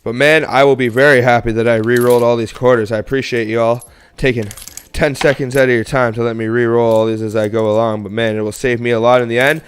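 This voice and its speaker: Fast and level, with a clean, medium-pitched voice, a young Canadian chats loosely with viewers during a coin roll hunting stream, sorting coins as he goes.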